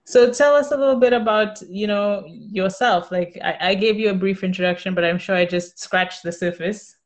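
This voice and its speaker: A woman hosting an interview over a video call, speaking haltingly with frequent fillers. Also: medium pitch. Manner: warm, halting, frequent "you know" fillers. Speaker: host.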